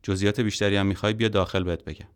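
A man voicing a mocking male thug who taunts with slow, drawn-out sarcasm. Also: lowish voice, flat delivery, clear, resonant tone, natural voice.

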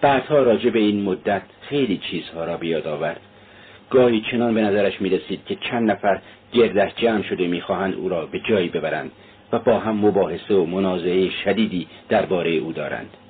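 A male narrator reads an audiobook in a steady, solemn voice. His tone is low and husky, and the recording is tinny and phone-like. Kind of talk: scripted narration.

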